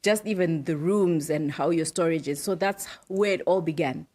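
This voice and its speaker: A middle-aged woman from Zimbabwe speaks in a fairly low voice as a podcast guest. She explains things patiently, ticking off examples one after another and dropping in quick "right" and "yes" replies. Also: a little mellow. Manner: explains in lists, frequent affirming "right, yes". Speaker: podcast guest, data protection officer. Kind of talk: casual interview talk.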